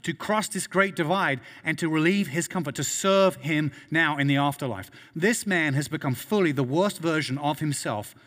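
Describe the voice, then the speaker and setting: A man's voice: a little high, moderate pace, hardly any pauses, fairly bright tone, long reverb tail. A man preaching a sermon as a pastor, earnest and emphatic, often repeating words as he builds each point.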